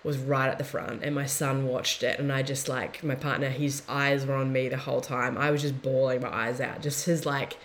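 A young woman guest talking in a heartfelt, soft-spoken way, often trailing off and restarting mid-thought. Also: extremely low pitch, level tone, normal speed, hardly any pauses, slight background noise. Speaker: podcast guest. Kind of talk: reflective casual conversation.

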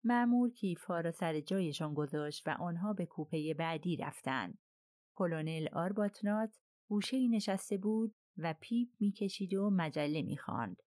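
In a steady, even manner, a woman with a lowish voice narrates a crime novel for an audiobook. The recording is dry and close-miked, with no room sound at all.

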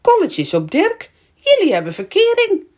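A woman voicing a bold, teasing little girl in a children's storybook reading, with a high, excited squeal. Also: normal speed, slightly rough.

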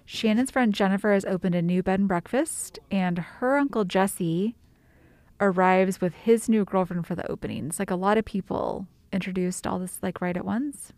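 A woman's voice: medium pitch, moderate pace, darkish tone, no room sound. A woman co-hosting a podcast, chatting casually with many fillers and restarts. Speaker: podcast co-host. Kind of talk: casual chat.

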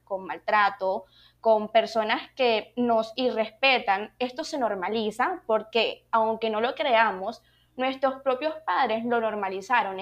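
A woman hosting a podcast, thinking aloud as she talks through her ideas. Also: fairly high pitch. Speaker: podcast host. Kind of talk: casual podcast conversation.

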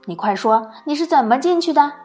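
A woman's voice: a little high, expressive, unhurried, soft background music. A woman voicing an angry, imperious male emperor in a storybook tale, scolding and commanding.

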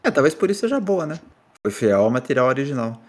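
A man co-hosting a podcast in casual chat, relaxed and quick to laugh. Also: medium pitch. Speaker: podcast co-host.

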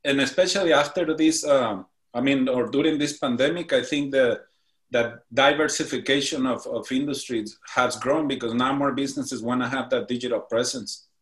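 Man, from Mexico, interview guest, earnest, halting, mid-pitched. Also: a bit bright. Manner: earnest, halting with fillers and restarts. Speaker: guest, business association founder. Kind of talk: interview answers.

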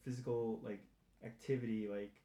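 A young man co-hosting a podcast, rambling in casual chat and filling every pause with "like". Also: lowish voice, flat delivery, mellow, slight background noise. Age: young adult. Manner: rambling, says like a lot. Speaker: podcast co-host. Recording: echoey room.

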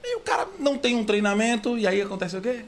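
A man's voice: high-pitched, fast talker. A man hosting a podcast, chatty and joking with his guests. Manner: jokey, chatty. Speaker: podcast host and singer. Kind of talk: casual podcast chat.

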